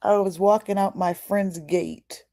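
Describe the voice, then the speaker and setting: A woman's voice: medium pitch, a little slow, dark tone. A woman hosting a live talk for her viewers, putting questions to them and calling them y'all in a casual, preachy way. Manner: preachy, asks the audience questions; casual, addresses listeners as y'all. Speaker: host. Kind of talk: livestream talk to an audience.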